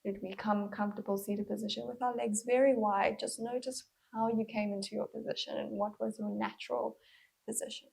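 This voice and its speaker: The recording is low quality, capturing a woman with a mid-range, breathy, slightly husky voice and a level tone. As a mindful movement instructor, she guides a body scan gently and without hurry, pausing along the way.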